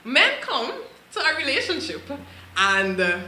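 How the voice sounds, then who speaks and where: A woman's voice: high-pitched, very animated, unhurried, bright, forceful tone, echoey room. A woman hosting a podcast, chatting casually and teasing herself with playful banter. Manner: laughing, playful, self-mocking banter. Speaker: podcast host. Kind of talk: casual chat.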